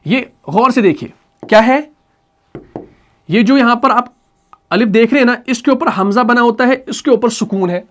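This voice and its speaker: High-voiced man teaching Quran recitation. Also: fairly bright tone. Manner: asks questions and answers them himself; demonstrates sounds and recites verses slowly. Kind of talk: tajweed lesson.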